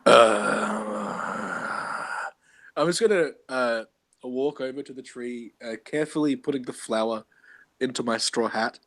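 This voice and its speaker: A man's voice: mid-range voice, moderate pace, no echo. A man voicing his character in a tabletop role-playing game, laughing often as he plays. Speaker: player. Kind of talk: casual tabletop role-play.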